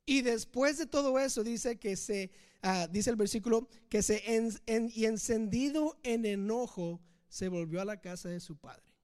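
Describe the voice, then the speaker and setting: A man's voice: high-pitched, unhurried, darkish tone, clean tone. A man teaching from the Bible, telling the story casually and asking rhetorical questions. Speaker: preacher.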